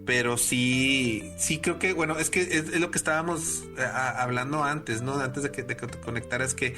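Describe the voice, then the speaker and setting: A man's voice: medium pitch, steady tone, normal speed, over music. A middle-aged man co-hosting a casual film discussion podcast, rambling with frequent restarts. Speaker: podcast co-host.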